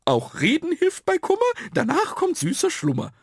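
A man voicing a cheerful chorus of friendly colourful dots that speak in very high, gleeful rhymes in a children's radio story. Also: huge pitch swings, moderate pace, creaky, no echo, studio quality, exaggerated voice.

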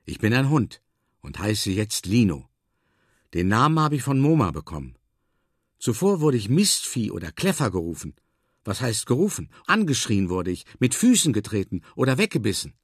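A man reading a children's story in the first person as a dog, in a calm, measured way with drawn-out emphasis. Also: fairly low pitch, husky, no room sound, studio quality. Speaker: audiobook narrator.

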